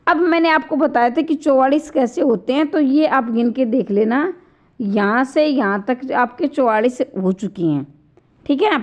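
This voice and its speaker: A woman with a high voice gives an online grammar lesson, going step by step and voicing each sound aloud to demonstrate. Her throat is slightly sore. The recording is dull and lo-fi. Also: a little mellow. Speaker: Hindi grammar teacher. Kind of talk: online exam-prep lecture.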